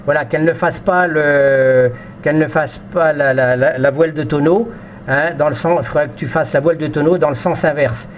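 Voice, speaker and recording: This amateur radio operator's voice is on the high side, steady in tone, at a normal speed. In a casual technical conversation he hesitates and keeps repeating himself while explaining. His audio comes through muffled and band-limited, with faint noise.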